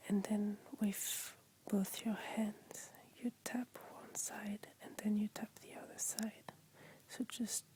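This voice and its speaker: A woman with a French accent speaks in a hushed ASMR whisper. She takes her time, explaining gently in simple words, and her delivery stays very even from phrase to phrase. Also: mid-range voice.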